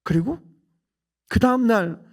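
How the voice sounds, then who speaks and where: A male pastor preaching a sermon in a church, speaking forcefully and dropping his voice for emphasis. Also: extremely high pitch, unhurried, vocal fry. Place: church sanctuary.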